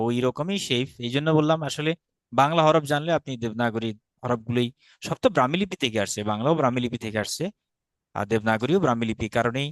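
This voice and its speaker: Bangladeshi guy teaching an online class, patient, makes students repeat sounds after him, normal pitch, dry close sound. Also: dry recording. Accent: Bangladeshi Bengali. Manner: mixes English words into explanations. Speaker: Sanskrit teacher.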